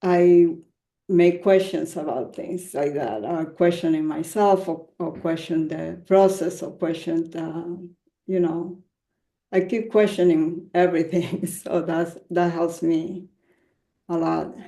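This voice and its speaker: A woman's voice: lowish voice, steady tone, takes it slowly, creaky, mellow, echoey room. A woman from Ecuador, a featured poet, answering a panel question hesitantly with many fillers.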